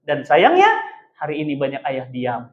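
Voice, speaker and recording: A man's voice: mid-range voice, wildly swooping pitch, normal speed. Emphatic preacher man in an echoey hall. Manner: emphatic, asks rhetorical questions and answers them himself; keeps addressing listeners as "Pak". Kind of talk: lively sermon to a congregation. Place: mosque hall. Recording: echoey, dull room sound.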